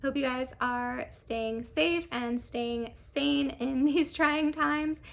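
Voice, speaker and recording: A woman's voice: high-pitched, takes it slowly, gravelly, fairly bright tone. A young woman chatting casually through a makeup try-on, rambling with lots of fillers. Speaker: beauty vlogger.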